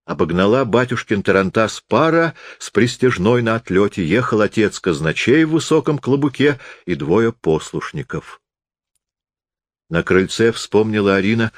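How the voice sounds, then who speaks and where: Low-voiced man reading a story. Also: dry recording, clean studio sound. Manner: calm, measured storytelling. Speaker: narrator. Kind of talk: literary audiobook reading.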